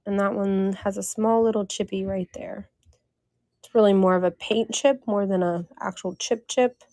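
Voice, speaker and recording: A woman with a crackly, hoarse voice chatting informally as she hosts a casual live sale, often repeating her phrases. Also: mid-range voice, steady tone, normal speed, warm tone, dry recording, clean studio sound. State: hoarse, with inflamed vocal cords and throat clearing. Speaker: live-sale host selling vintage glassware. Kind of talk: casual live selling chat to viewers.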